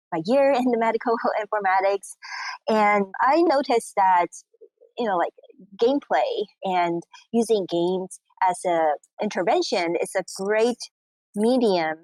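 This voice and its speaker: A Taiwanese woman in her thirties, an entrepreneur, answers interview questions casually over a call, filling her speech with "you know, like." Her voice is medium-pitched and darkish, and the remote recording is low quality with no echo.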